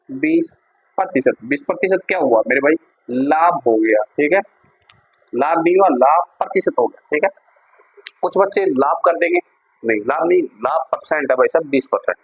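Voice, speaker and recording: Maths teacher guy, husky voice a bit on the high side, keeps asking if everyone gets it. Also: expressive, moderate pace, poor audio. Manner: repeats steps, keeps checking in with students. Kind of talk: classroom-style maths lesson.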